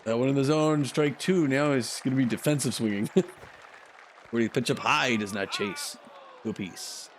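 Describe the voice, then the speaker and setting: A man's voice: mid-range voice, moderate pace, slight background noise. A man calling a simulated baseball game play by play, chatty and cheering on his team. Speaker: commentator.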